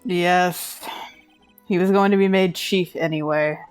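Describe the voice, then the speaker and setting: A woman voicing a cool, formal young male prosecutor in a game playthrough, speaking in a measured way. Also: fairly low pitch, fairly even intonation, smooth, soft background music, natural voice.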